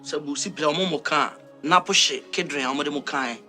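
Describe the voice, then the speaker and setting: A Ghanaian man playing an animated comic character in a skit. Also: a little high, normal speed, soft background music. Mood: urgent.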